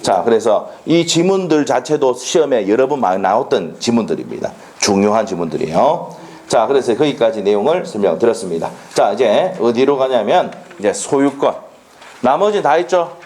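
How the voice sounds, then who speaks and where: In a lecture classroom, a lively male law exam instructor gives an animated lecture, drilling students with quick questions. His voice sits in the mid-range.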